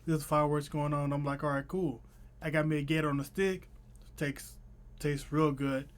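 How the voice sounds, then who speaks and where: A man's voice: on the high side, little pitch movement, normal speed. A young man with a lisp that slurs his s toward sh, chatting casually to camera as he tells a story in informal, slangy speech. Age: young adult. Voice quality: lisp with slushy sh-like s sounds. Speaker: vlogger. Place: small room at home.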